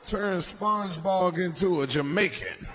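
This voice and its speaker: A man from Washington, D.C., doing a stand-up comedy set on a club stage, loud, dropping low and mumbling then shouting his punchlines. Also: measured pace. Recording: live club recording with ambient noise.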